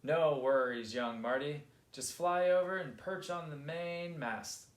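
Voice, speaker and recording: A man's voice: on the high side, unhurried, close to an everyday voice. A man voicing a friendly, hearty grown fisherman who calls out from his boat in a storybook. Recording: roomy echo.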